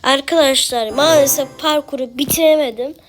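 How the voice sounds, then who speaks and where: Background noise accompanies this high-voiced woman, who talks at a moderate pace. She streams gameplay with a Turkish accent, grumbling and talking to herself in casual commentary as she plays.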